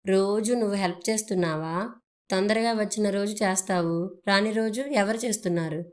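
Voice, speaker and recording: A woman's voice: mid-range voice, normal speed, darkish tone, lightly acted. A woman voicing a proud young working wife who speaks in a heated, indignant way. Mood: angry.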